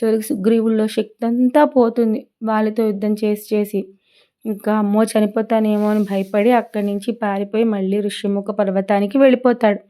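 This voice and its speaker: A woman telling an epic story to children, lively and full of questions to her listeners. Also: medium pitch, fairly quick, clear, resonant tone. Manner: animated, asks the listeners questions.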